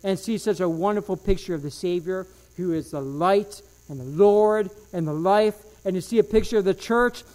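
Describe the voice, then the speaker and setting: Fervent high-voiced male preacher. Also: normal speed, few pauses, darkish tone. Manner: fervent, rising and falling emphasis, repeats phrases. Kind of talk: sermon.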